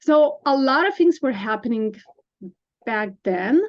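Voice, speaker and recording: A woman's voice: sits high, animated, a little slow, dull audio. A woman in her forties from Lithuania, a nurse practitioner guest speaking earnestly in a podcast interview, with fillers and small laughs.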